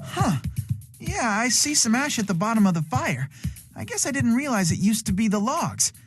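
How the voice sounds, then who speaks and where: RJ, curious cartoon boy, lively questioning voice, faint music. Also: on the high side, moderate pace, breathy edge, no room sound. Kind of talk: educational cartoon acting.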